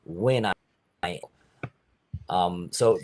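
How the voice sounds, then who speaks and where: A man co-hosting a casual panel chat over a video call, his audio glitching and cutting in and out so his phrases come out halting and broken up. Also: deep voice, a little mellow. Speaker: co-host. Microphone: headset on a video call.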